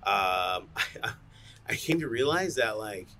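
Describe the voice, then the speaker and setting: Slowly and with lively intonation, a man with a lowish, bright, forceful voice gives casual, slang-heavy interview answers as a guest. He roasts coffee, speaks both English and fluent Spanish as first languages, and tends to ramble; a little hiss or hum is present.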